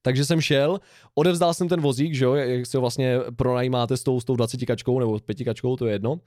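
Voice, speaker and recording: A man's voice: medium pitch, fairly even intonation, darkish tone, no room sound, studio quality. A young man co-hosting a podcast, telling a rambling, laughing anecdote in casual chat. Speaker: podcast co-host.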